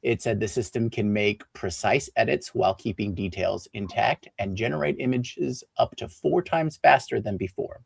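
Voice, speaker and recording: A man's voice: fairly low pitch, moderate pace, vocal fry, hardly any pauses, husky, no room sound. A male co-host reading a tech news item, slipping in and out of an announcer voice. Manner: slips in and out of an announcer voice. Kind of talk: news segment.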